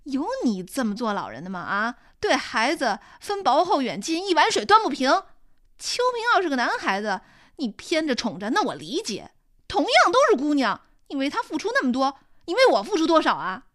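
A woman's voice: high-pitched, big pitch swings, fairly bright tone, no room sound, clean studio sound. A woman reading an audiobook, voicing a bitter young woman who argues defensively with her mother. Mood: indignant. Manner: indignant, complaining, quick.

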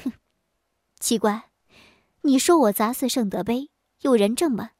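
A woman voicing a calm, clever young village woman who answers with composed sarcasm in a folk story. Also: a little high, a little slow, dry recording, clean studio sound. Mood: cool mocking.

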